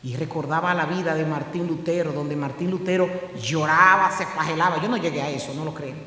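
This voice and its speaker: A woman pastor, preaching a sermon with impassioned delivery that climbs from hushed to loud. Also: low-pitched, fairly even intonation, a little fast. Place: church sanctuary. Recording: very echoey, reverberant church hall.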